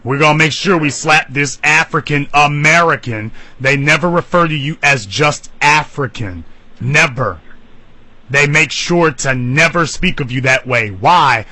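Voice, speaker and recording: A man hosting a talk radio show, delivering an emphatic, preachy monologue that leaps high for emphasis. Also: measured pace, bright, forceful tone, no room sound, rough recording.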